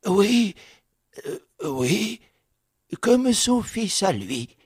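Guy doing a jittery old concierge in an audiobook, squeaky stammery questions, voice jumps all over, kinda husky. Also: very animated, extremely slow, no room sound, clean studio sound, full character voice. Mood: hushed. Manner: stammering, shrill disbelieving questions. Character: frightened old male concierge, stammering and incredulous. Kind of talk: audiobook character voice.

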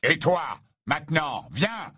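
A man's voice: on the high side, animated, a little fast, sharp tone, husky, no room sound, clean studio sound, heavily acted. A man voicing a cold, disdainful male wizard who mocks his opponent in a sneering tone, in an audiobook reading. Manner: sneering, mocking.

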